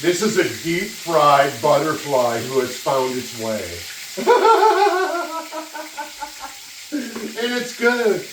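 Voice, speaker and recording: Giggly, tipsy cooking host in echoey kitchen. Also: mid-range voice. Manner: giggly, tipsy rambling with frequent laughter; profane, exclamatory. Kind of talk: casual cooking demonstration to camera. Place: roomy kitchen. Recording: echoey, distant mic, loud sizzle noise. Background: frying sizzle and stirring.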